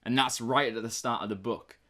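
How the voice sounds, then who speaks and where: A young British co-host of a book review podcast speaks fairly quickly in a mid-range voice that sounds pushed and bright. His casual, rambling talk is studded with fillers and restarts.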